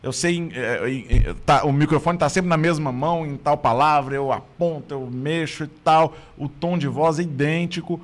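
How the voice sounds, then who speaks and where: A stand-up comedian chats casually about his process, speaking at a normal speed in a fairly high voice with few pauses. He's thoughtful and explains things at length, sometimes restarting his sentences.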